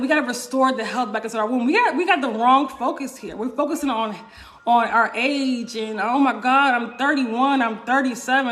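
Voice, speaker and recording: A woman wellness coach speaks to her online viewers in a high voice. She presses her points with repetition and keeps checking in with "right?" and "okay?". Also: fairly bright tone. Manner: emphatic, repeats points, asks "right?" and "okay?". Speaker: wellness coach hosting a live stream. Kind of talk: casual live-stream talk to viewers.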